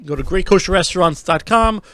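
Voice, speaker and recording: A man's voice: sits high, fairly bright tone, no room sound. A man guest on a radio talk show, chatting casually and agreeing readily. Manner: agreeable, quick back-channel replies.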